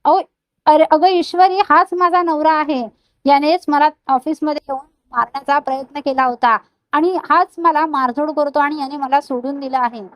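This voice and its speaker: A woman's voice: sits high, steady tone, moderate pace, no room sound, lightly acted. A woman voicing a frightened young wife who pleads in panic. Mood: pleading.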